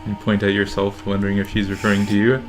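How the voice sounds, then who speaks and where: Low, even, deadpan game narrator. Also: fast talker, music in the background. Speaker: narrator in a let's play. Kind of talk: scripted narration of a visual novel game.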